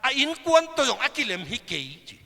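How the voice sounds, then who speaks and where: A man preaching a sermon at a church service, slow and emphatic, with big swings in pitch and loudness. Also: long reverb tail.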